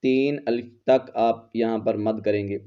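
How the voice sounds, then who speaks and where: Slightly dull lo-fi audio captures a man teaching Quran recitation letter by letter, patiently naming each letter and vowel before blending the word. His smooth voice is on the low side, steady in tone and a little slow.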